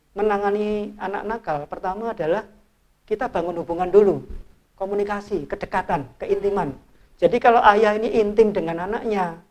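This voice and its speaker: A middle-aged man, an evangelist, retelling a Bible parable in an informal, animated way as he draws lessons from it. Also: sits high. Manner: animated storyteller, informal, restarts and fillers. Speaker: evangelist and ministry leader. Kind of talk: sermon-style Bible storytelling in a discussion.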